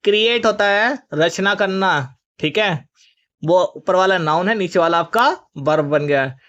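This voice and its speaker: High-voiced male teacher drilling vocabulary. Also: a little slow, fairly bright tone, highs cut off. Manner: spells each word letter by letter, then gives its meaning and opposite; addresses students as children. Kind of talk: vocabulary lesson for exam students.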